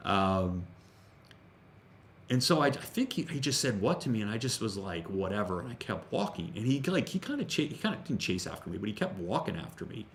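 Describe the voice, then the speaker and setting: Gravelly low-voiced man telling a rambling story. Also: very animated, a little fast, fairly bright tone, slight background noise. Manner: rambling, with frequent restarts and fillers; casual, with the odd swear word. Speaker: jiu-jitsu instructor. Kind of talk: casual storytelling during a workout stream.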